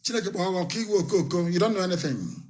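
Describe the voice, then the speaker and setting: A man's voice: sits high, lively intonation, drawn-out words, a little mellow. A man giving a fiery, scornful political broadcast, full of repetition. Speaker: political activist leader.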